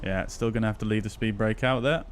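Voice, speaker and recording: A man's voice: lowish voice, quick pace, background noise. Easygoing man on a pilot headset mic. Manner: easygoing, reads checklists and radio calls aloud. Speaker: flight sim streamer acting as pilot. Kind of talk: casual commentary with radio readbacks.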